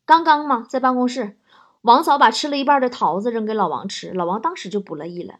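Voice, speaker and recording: A woman telling comic anecdotes in a lively, punchline-driven way. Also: on the high side, fast talker. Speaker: comic storyteller.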